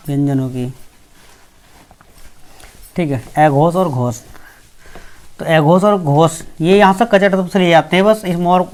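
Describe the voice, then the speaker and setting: A teacher leads a grammar lesson in a mid-range voice, putting questions to the class and answering them, repeating every point, and slowly sounding out each letter. The delivery is filled with "theek hai" between repeated points.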